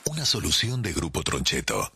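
A man playing a solemn, deadpan wildlife narrator in a mock nature documentary advert. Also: rumbling low, moderate pace, gravelly, full character voice. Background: music bed.

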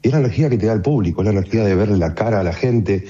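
Argentine man, low and warm, chatty radio guest, lo-fi sound. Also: racing. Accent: Argentine Spanish. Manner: relaxed, conversational, frequent fillers. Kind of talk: radio interview.

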